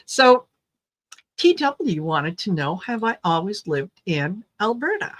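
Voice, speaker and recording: A woman's voice: medium pitch, sing-song, takes it slowly. A middle-aged woman from Croatia, raised in Canada, hosting a tarot livestream and chatting casually with viewers, hesitant, with many ums and easy laughs. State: recovering from low blood sugar, tired. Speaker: tarot reader and livestream host.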